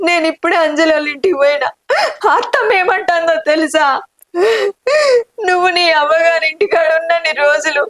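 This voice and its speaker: A woman's voice: extremely high pitch, fairly bright tone, dry recording. A woman playing a sobbing young daughter. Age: young adult. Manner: sobbing, pleading speech. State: crying. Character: young married daughter, tearful, pleading, defiant. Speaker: married daughter.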